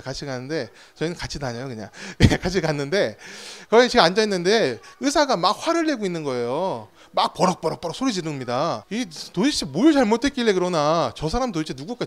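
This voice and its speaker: A man's voice: a little high, fairly bright tone. A man preaching a sermon as pastor, telling stories with rhetorical questions and acted-out quotes.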